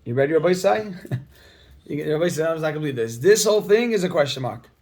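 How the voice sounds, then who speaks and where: A man leads a Talmud class in a notably high voice. He drills each phrase by repeating it again and again and presses his students with energetic emphasis. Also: fast. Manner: repeats key phrases over and over, drilling the point. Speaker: Talmud teacher. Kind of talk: Talmud class reading and explaining text.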